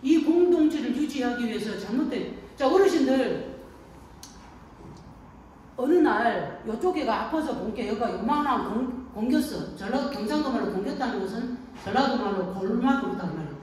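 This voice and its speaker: A woman's voice: a little high, animated, normal speed, darkish tone. Folksy woman pastor in an echoey hall. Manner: folksy storytelling, frequent call-and-response questions. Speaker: pastor at an elder care center. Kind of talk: sermon to elderly congregation. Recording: echoey room, distant mic, faint noise.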